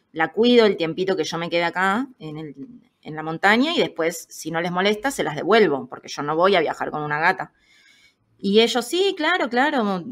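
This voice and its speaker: A woman in her thirties with an Argentine Spanish accent and a slightly low voice. She tells a personal story in an easy, chatty podcast manner. She brings the people she quotes to life with little changes of voice. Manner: lively, acts out quoted voices. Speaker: podcast guest. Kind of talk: casual storytelling chat.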